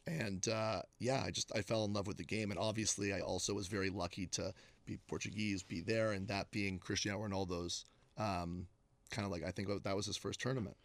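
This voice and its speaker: A man's voice: fairly low pitch, a little fast, dry recording. A man in his thirties from Canada, a guest talking casually and enthusiastically with lots of fillers. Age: 30s. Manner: relaxed, filler-heavy, enthusiastic. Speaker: guest, agency co-founder. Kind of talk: casual interview talk. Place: radio studio. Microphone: studio mic.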